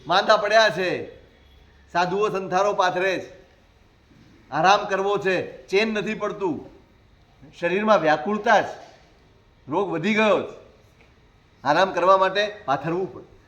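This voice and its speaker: A man, a Jain monk, preaching a sermon in a conversational way, with rhetorical questions and gentle humor. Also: high-pitched, unhurried, long pauses.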